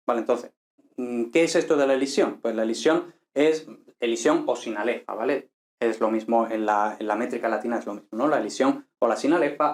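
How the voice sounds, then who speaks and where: A man teaching a Latin class, thinking aloud and checking in with frequent tag questions. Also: on the high side. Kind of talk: informal recorded lecture. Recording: echoey room.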